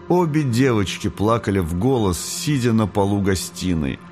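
A man reading an audiobook in a measured storytelling manner. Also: fairly low pitch, darkish tone. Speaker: audiobook narrator. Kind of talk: scripted narration.

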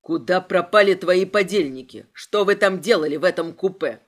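A woman's voice: fairly low pitch, moderate pace, voice pushed down, natural voice. A woman voicing a brutal male police inspector who barks threats and interrogates harshly. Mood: menacing.

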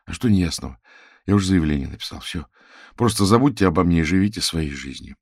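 A despairing young male sorcerer, tense and bitter, read by a man. The voice sits a little higher than the reader's deep natural tone. It is recorded close and dry. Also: animated, fast talker, breathy edge, no echo, full character voice. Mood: flat resigned.

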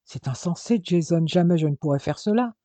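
A man's voice: on the high side, lively intonation, brisk, warm tone, no echo, lightly acted. Distraught young twin brother, voiced by a male reader. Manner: agitated, imploring.

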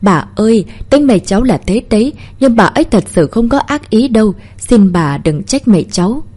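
A woman's voice: medium pitch, lively intonation, normal speed, warm tone, husky. A woman voicing an anxious young granddaughter who urgently pleads for her mother. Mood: anxious pleading.

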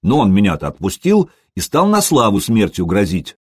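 A man's voice: fairly low pitch, huge pitch swings, normal speed, darkish tone, breathy edge, dry recording, clean studio sound, heavily acted. A man voicing a young soldier who reports plainly to his chief. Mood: matter-of-fact.

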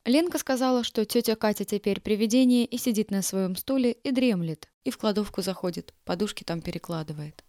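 A woman's voice: mid-range voice, fairly quick, hardly any pauses, darkish tone, dry recording. A woman narrating a children's story, dry close sound, mid-range voice. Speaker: reader. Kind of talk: audiobook story reading.

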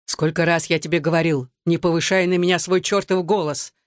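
A man's voice: fairly high pitch, steady tone, brisk, no echo, studio quality, natural voice. A reader voicing a drunk, angry young husband in an audiobook, harsh and menacing toward his wife. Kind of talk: audiobook dialogue.

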